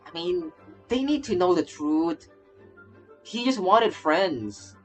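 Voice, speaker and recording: A man with a voice that sits high and lively intonation talks slowly while streaming a game. He reacts to its story casually, stammering and repeating phrases as he rambles. Game music plays behind his voice.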